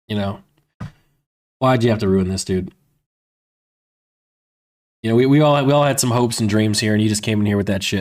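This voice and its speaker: A man's voice: on the low side, a little mellow. Man, thirties, livestreamer, casual chat, rambling, filler-heavy. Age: 30s. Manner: rambling, fills talk with "man" and "you know".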